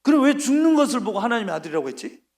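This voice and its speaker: A high-pitched man delivers a sermon as a missionary preacher. He tells his story with animated energy and slips into acted-out voices for the people in it. He sounds middle-aged. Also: very fast.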